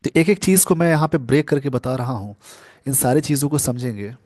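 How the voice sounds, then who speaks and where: A man's voice: mid-range voice, animated, darkish tone, no room sound. Guy teaching off a newspaper, plain middle voice, dry sound, goes word by word. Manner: explains word by word, reads English phrases slowly. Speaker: English teacher. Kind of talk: newspaper editorial lesson.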